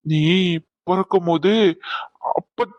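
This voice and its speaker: A man voicing a doting young husband who talks softly and coaxingly to his unborn child. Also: high voice, fairly even intonation, takes it slowly, no echo, lo-fi sound. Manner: soft, coaxing, affectionate.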